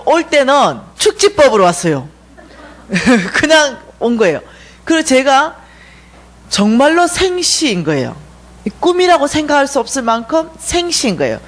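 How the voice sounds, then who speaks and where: A woman from South Korea delivers a sermon testimony to a congregation in a lively, swooping voice. She tells her story with animation and acts out each line of dialogue. Her pitch ranges widely from phrase to phrase. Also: normal speed. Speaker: guest speaker at a church revival.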